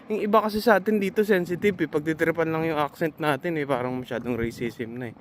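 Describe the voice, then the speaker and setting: A man's voice: fairly high pitch, fast, a little hiss or hum. A Filipino man giving casual, earnest advice to fellow nurses in a vlog, reassuring and full of hesitant fillers.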